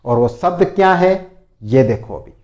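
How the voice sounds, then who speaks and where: A man teaching English vocabulary, repeating each word slowly for drilling. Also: mid-range voice, lively intonation, darkish tone, highs cut off. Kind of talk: spoken vocabulary lesson. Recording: echoey room.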